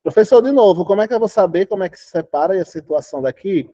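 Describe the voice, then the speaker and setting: High-pitched male teacher on a video call, chatty, keeps quizzing the class, dull dry sound. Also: animated, rapid-fire, mellow, dry recording. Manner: chatty, asks students questions, sings out syllables. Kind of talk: online Portuguese class.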